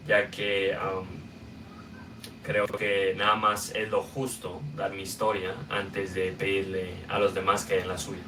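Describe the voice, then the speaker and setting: A young podcast host with a Guatemalan Spanish accent tells a personal story in a loose, unhurried way, with little filler sounds here and there. His fairly low voice has a bright, forward edge and almost no pitch movement. The mic is a bit distant, picking up a faint room hum.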